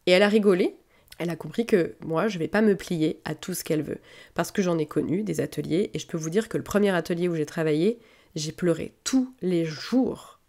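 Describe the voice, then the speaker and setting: Chatty woman with a lowish voice. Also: dark tone. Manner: addresses listeners directly and conversationally. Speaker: lingerie seamstress sharing workplace stories. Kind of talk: casual storytelling monologue.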